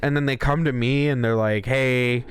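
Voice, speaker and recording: A man's voice: medium pitch, brisk, clean tone, dry recording. An American man telling a story casually on a podcast, swearing freely and acting out what people said. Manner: profane, animated retelling with acted-out quotes.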